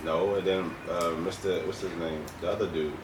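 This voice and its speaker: A man's voice: low voice, fairly even intonation, normal speed. A young man in casual chat as co-host of a couple's video, blunt and slangy, repeating himself for emphasis. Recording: echoey room, distant mic, clear background noise.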